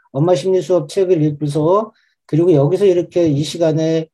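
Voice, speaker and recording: A man speaking as a parenting expert to a live audience of mothers, explaining in a lively way and acting out inner voices. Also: high-pitched. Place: talk event with live audience.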